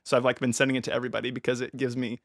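A young man co-hosting a casual podcast, quick and jokey in how he talks. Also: mid-range voice, little pitch movement, vocal fry, dry recording, studio quality. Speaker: podcast co-host.

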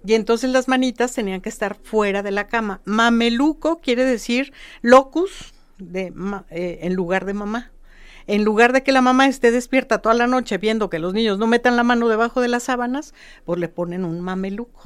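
Smooth-voiced woman explaining history. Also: on the high side, normal speed. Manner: lively storytelling with repeated "¿no?" tags. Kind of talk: casual conversational explaining.

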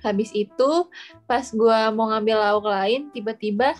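Young woman with a fairly high voice. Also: unhurried, faint music behind. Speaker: guest. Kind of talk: casual storytelling chat.

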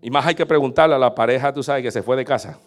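A man pastor preaching a sermon, telling a homey story and building up to fervent shouting. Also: medium pitch, fast talker, soft background music. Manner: animated storytelling, rising to shouts.

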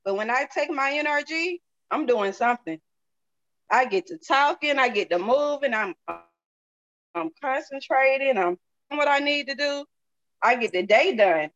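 A product seller from the southern United States talks in a casual testimonial interview, her Southern accent carrying a high, expressive, somewhat bright voice at normal speed. She's candid and folksy, often repeating phrases for emphasis, and the audio is dull lo-fi.

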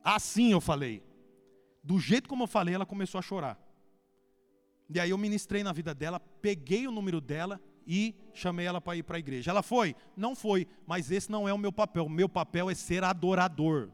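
High-voiced Brazilian pastor preaching. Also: male voice, fairly quick, faint music behind. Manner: emphatic, fires rhetorical questions at the congregation. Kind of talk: sermon. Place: church hall. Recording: long church hall reverb.

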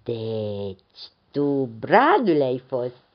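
A woman's voice: a bass voice, sing-song. A woman voicing a kindly, wondering old Father Christmas in a storybook tale, on a dull lo-fi recording.

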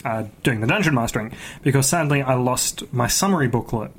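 A man with a mid-pitched voice talks casually as a podcast co-host. He is enthusiastic about his hobby and tends to ramble as he tells stories, in a relaxed conversational style. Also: a little fast, slight background noise.

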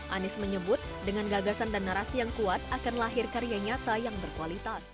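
A woman reading television news narration in a formal, measured way. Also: mid-range voice. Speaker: news presenter. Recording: studio voice-over with music behind.

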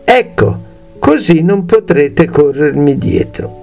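A man's voice: fairly high pitch, animated, takes it slowly, creaky, a little mellow, soft background music, full character voice. A man voicing a humble young soldier drummer in a fairy tale, polite and eager. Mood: cheerful.

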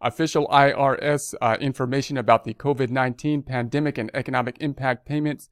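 A man reads a notice aloud and breaks off to explain it in everyday terms, with filler words and restarts. His voice is smooth and clear at an average pitch. The recording is close and dry. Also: steady tone, a little fast, no echo. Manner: reads text, then adds plain explanations with fillers and restarts. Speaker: presenter reading and explaining a news release. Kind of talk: reading aloud with casual commentary.

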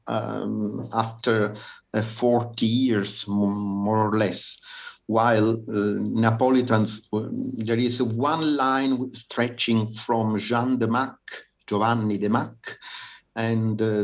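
A man from southern Italy with an Italian accent, answering interview questions haltingly and searching for his words in English. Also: lowish voice, fairly even intonation. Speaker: interviewee, harpsichordist. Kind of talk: interview answers on music history.

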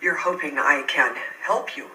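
A fretful sitcom mom. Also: female voice, low voice, lively intonation, a little slow, sharp tone, distant mic, slight background noise, exaggerated voice. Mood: robotic mirroring. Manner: fretful, then scolding. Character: anxious, sharp-tongued mother of teenagers. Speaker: mother in a sitcom. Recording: roomy TV audio played from afar.

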